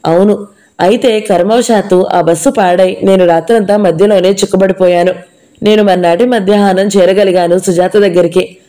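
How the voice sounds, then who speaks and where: A subdued young man confesses, halting and quiet, voiced by a woman narrator. The tone is soft and mellow. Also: medium pitch, steady tone, lightly acted.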